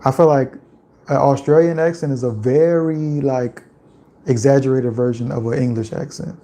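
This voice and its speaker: A livestream host from Louisiana, speaking with that state's accent, chats casually and reads out viewer comments in a relaxed, rambling way. His pitch is medium and his speed normal.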